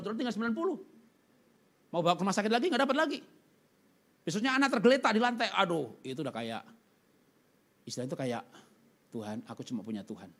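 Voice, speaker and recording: Middle-aged man, preacher, sermon testimony, lively swings between loud and hushed, fairly high voice. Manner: animated storytelling, swinging from loud outbursts to hushed pleading.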